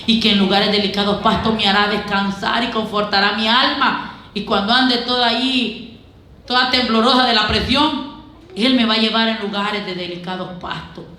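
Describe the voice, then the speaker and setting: A woman preaching a lively Pentecostal sermon, exhorting her congregation with direct questions and acting out quoted voices with humor. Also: medium pitch, normal speed. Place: church. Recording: echoey church sanctuary. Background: congregation answering amens.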